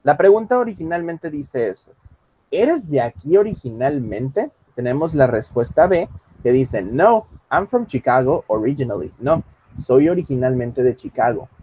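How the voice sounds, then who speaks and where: Lively male teacher. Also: medium pitch, muffled recording, slight background noise. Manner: explains slowly in Spanish, reads English lines carefully. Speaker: English teacher. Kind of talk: online class, teaching.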